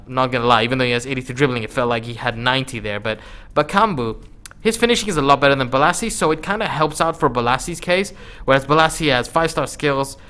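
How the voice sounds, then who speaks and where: A man hosts a gaming video with casual commentary. He speaks at a medium pitch in an informal, slangy way. His delivery is conversational, as if chatting to regular viewers while reviewing gameplay. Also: fairly bright tone, smooth.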